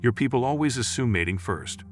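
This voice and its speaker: A man's voice: medium pitch, animated, a little fast, soft background music, close to an everyday voice. A man voicing a shivering female alien castaway with a dry, sarcastic, clipped way of talking, in a storybook reading. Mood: weary, sarcastic.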